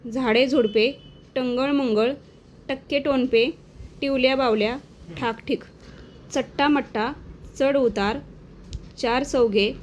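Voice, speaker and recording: Slow, clear woman teacher dictating word lists. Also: high voice, fairly even intonation, slight background noise. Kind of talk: exam-prep lesson reading word lists.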